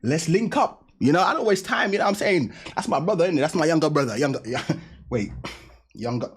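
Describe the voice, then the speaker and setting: A man, from Denmark, telling a trip story to camera in a slangy, animated way. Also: on the high side, brisk, slightly rough. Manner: slangy, animated, laughing often. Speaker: vlogger.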